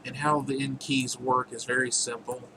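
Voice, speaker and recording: A man's voice: medium pitch, level tone, normal speed, background noise. Man rambling through game tips. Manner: rambling, jokey asides. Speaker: game developer showing his own game. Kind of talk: casual gameplay commentary.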